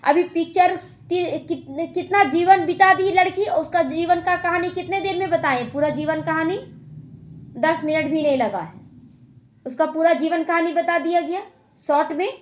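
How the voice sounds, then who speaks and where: A woman gives a spiritual talk with a high voice. She tells a personal story and acts out the lines of the people in it. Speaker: spiritual teacher.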